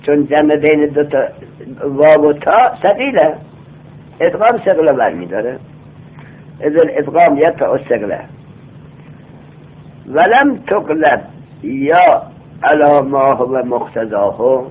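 A man with a somewhat high voice teaches a class from a grammar text. He reads each line slowly, then explains it and puts questions to his students. The sound is thin and narrow, like a phone line. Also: very animated.

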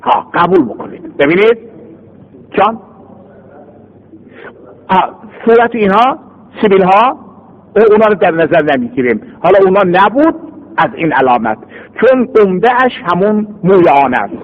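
High-voiced male teacher, animated lecture. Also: pauses often. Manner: animated, acts out scenes to explain. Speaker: teacher of religious law. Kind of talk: classroom lecture, reading and explaining a text. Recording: dull lo-fi recording.

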